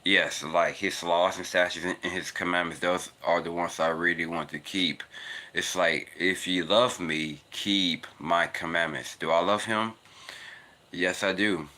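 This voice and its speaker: A vlogger in his twenties, naturally deep-voiced, walks outdoors in the cold giving a casual, earnest monologue on faith that rambles and repeats "it's because." He speaks unhurriedly with fairly even intonation and a sharp tone.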